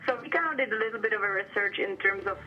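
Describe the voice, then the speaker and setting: A woman's voice: mid-range voice, animated, racing. A woman from the Republic, a filmmaker talking casually in a documentary interview, with lots of fillers. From Czech Republic. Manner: casual, hedging with filler words. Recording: dull sound with faint music.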